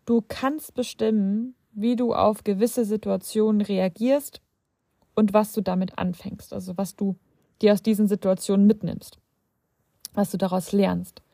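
A woman's voice: medium pitch, steady tone, unhurried, creaky, warm tone, no echo, clean studio sound. A young adult woman hosting a self-help podcast, talking straight to the listener in a reflective, conversational way with some hesitant restarts. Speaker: podcast host.

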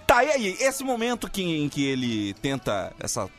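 A man's voice: fairly high pitch, huge pitch swings, moderate pace, soft background music. A man co-hosting a radio comedy show, reacting with playful disbelief and laughing often. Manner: incredulous reactions, bursts of loud laughter. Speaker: radio co-host. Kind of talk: radio banter.

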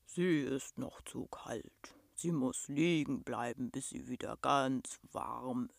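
Naeratus, a woman doing a rumbling cave beast. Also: creaky, dry recording, clean studio sound, heavily acted. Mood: gentle. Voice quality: deep rumbling. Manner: slow, halting, speaks of others in third person. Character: huge gentle furry cave monster, slow and simple.

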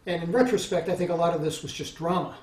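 Middle-aged male guest, slightly high voice, halting storyteller, distant roomy recording. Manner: halting, many restarts and fillers. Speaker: interview guest recounting experience. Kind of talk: conversational storytelling.

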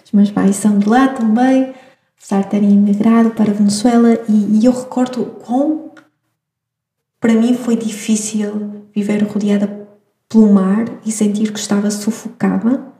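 A woman with a European Portuguese accent gives a spiritual astrology talk in a slow, reflective, soft-spoken way. Her voice is deeply mellow and dark, with little rise and fall. The room around her carries a clear echo. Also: fairly even intonation. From Madeira, Portugal. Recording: echoey room.

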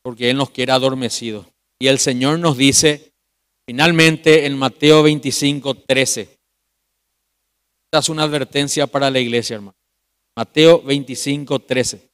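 A man preaching a sermon at a youth meeting as pastor, calling his listeners brother and asking rhetorical questions, with big swings between loud emphasis and hushed, drawn-out phrases. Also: mid-range voice, fairly even intonation, smooth.

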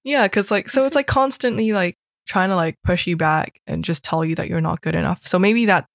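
Her voice is low-leaning and creaky, and she talks briskly. A young woman from Hong Kong, appearing as a guest, chats about her school days in a storytelling manner, saying "like" again and again, captured in a dry, studio-quality recording.

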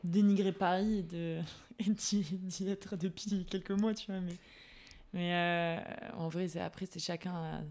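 This is a woman in her twenties who is a guest on a casual podcast. Her voice is pitched somewhat low for a woman. She searches for her words and fills her speech with hesitations and restarts. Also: fairly even intonation, measured pace, a little mellow. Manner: hesitant, many fillers and restarts.

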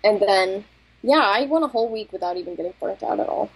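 Female podcast co-host, husky and breathy, candid and self-conscious, laughs a lot. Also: mid-range voice, animated, fast talker, poor audio. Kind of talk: casual chat.

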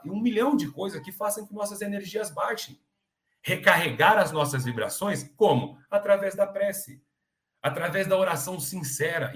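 A man's voice: mid-range voice, fairly bright tone. Earnest preaching man in echoey room. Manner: earnest, preachy, with joking asides. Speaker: spiritist program speaker. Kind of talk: informal religious teaching.

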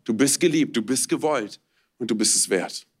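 A man preaching as a guest speaker, energetic and casual, talking straight to the listener with slangy asides. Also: medium pitch, normal speed, slightly rough. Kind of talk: sermon.

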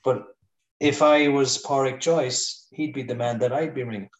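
A man with a west of Ireland accent talking sport casually as a pundit, halting and thinking aloud. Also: mid-range voice, steady tone. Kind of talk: casual Gaelic football discussion. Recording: roomy echo, distant from mic.

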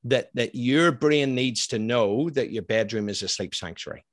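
A man's voice: mid-range voice, moderate pace, no echo, studio quality. A man with an Irish accent, a guest expert talking casually and emphatically, often repeating words as he starts a sentence. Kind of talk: casual interview talk.

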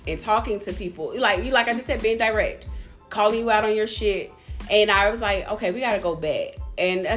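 A woman co-hosting a podcast in casual chat, blunt and animated, swearing freely. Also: medium pitch. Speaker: podcast co-host.

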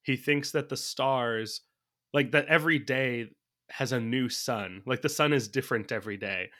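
Man, bright forceful voice, casual movie chat, thinks out loud, laughs a lot. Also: mid-range voice, normal speed. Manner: thinks aloud, working through notes; laughs often while talking. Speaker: podcast co-host.

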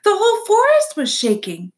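A woman voicing an eager, hungry male fox who talks in a high, pleading, wheedling way. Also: wildly swooping pitch, moderate pace, exaggerated voice.

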